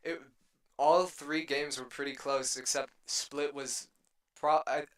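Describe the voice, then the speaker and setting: A man's voice: fairly high pitch, fairly even intonation, slow, fairly bright tone. A man casting and discussing a competitive video game match as a live commentator. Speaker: esports match caster and interviewer.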